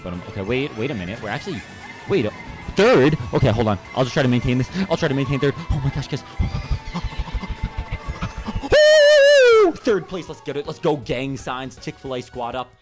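A young man giving live gameplay commentary, hyper and full of slang, constantly addressing his viewers and bursting into high yelps. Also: expressive, fast, music in the background. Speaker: gaming channel host.

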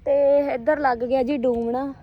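High-pitched chatty woman vlogger. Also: fairly even intonation, normal speed, muffled recording. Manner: repeats words and phrases for emphasis. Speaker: family vlogger. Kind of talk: casual chatty home vlog, talking to viewers and family. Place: busy family home. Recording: noisy handheld home recording.

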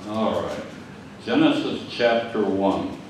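An older pastor with a Michigan accent gives a Sunday sermon in a low, expressive voice, speaking slowly and haltingly with many fillers and repeated words. A lectern mic catches him from a distance, so his voice echoes strongly through a church hall with a stage and screen. There is slight background noise.

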